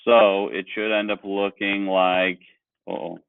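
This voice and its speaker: A man's voice: on the low side, fairly even intonation, unhurried, vocal fry, clean tone, no echo. A male teacher leading an online grammar lesson, explaining patiently and asking the class questions. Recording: dry, phone-like sound.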